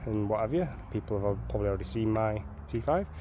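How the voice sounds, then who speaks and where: Fast and expressive, with a fairly low pitch, a Sheffield van owner chats his way through a DIY repair amid background noise. He rambles and repeats words in this casual how-to, filmed outdoors on a handheld phone.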